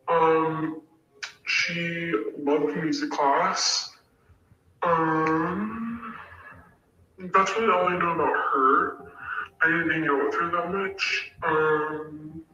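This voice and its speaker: Woman with a disguised deep voice. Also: pushed and bright. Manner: hesitant, many ums and likes. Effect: voice altered to sound deeper and masculine. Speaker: anonymous witness. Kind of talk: recorded statement. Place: at a golf tournament. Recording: echoey, distant, muffled audio with faint music.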